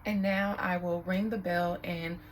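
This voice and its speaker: A woman's voice: on the low side, flat delivery, a little slow, slight background noise, low-quality recording. A woman who is a spiritual reader, leading a ritual reading in an incantatory, repetitive voice that drops into whispers.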